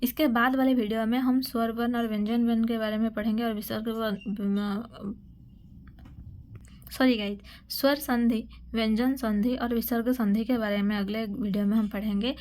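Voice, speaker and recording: A woman's voice: a little high, fairly even intonation, normal speed, a little mellow. A woman teaching a grammar lesson for exam prep, asking questions and answering them herself, often repeating and correcting herself.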